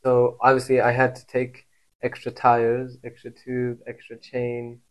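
A young man from Morocco talks as a podcast guest. His storytelling is loose and casual, full of "like" and restarts, at a middling pitch for a man. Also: monotone, unhurried. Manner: loose storytelling, heavy on filler "like".

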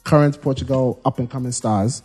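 A man's voice: mid-range voice, fairly quick, breathy edge, soft background music. Hesitant man in a casual football debate. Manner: hesitant, restarts often, argues calmly. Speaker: podcast co-host.

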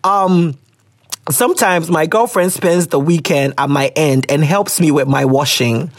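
A woman with a Ghanaian English accent hosts a podcast, reading listener letters in loose, casual chat. Her voice is deep and a little slow, and she laughs a lot, swears freely, and reacts animatedly.

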